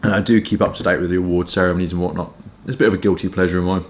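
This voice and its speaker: A man from Kent with a southern English accent, chatting informally and hesitantly in a rambling casual review, with stop-start pauses. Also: deep voice, fairly even intonation, a little hiss or hum. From Kent, England. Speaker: pipe tobacco reviewer.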